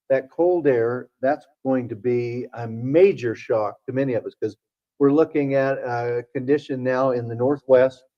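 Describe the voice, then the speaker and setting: A man's voice: medium pitch, muffled recording. A man working as a TV meteorologist, explaining the forecast in a folksy way with frequent fillers. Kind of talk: broadcast weather chat.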